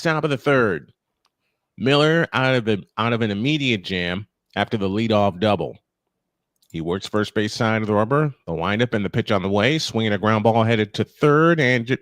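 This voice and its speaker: In a clean, echo-free studio recording, a man with a fairly low voice calls live baseball play-by-play. As both announcer and stream host, he mixes the sports commentary with casual chat, slipping into folksy, joking asides to his listeners.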